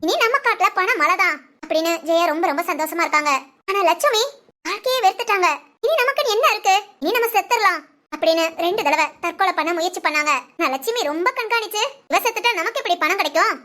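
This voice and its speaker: Emotive high-voiced woman storyteller. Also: lively intonation, quick pace, bright, forceful tone. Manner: emotive, questioning, rhetorical. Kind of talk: dramatic story narration.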